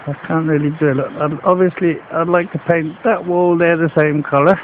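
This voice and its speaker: A man's voice: on the high side, fairly even intonation, brisk, noisy background. Slightly breathless man, tinny camcorder audio. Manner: plain, rambling, matter-of-fact explaining. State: a bit out of breath. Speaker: home video maker. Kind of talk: casual walkaround commentary. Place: outdoors by a house wall. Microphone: handheld camcorder mic.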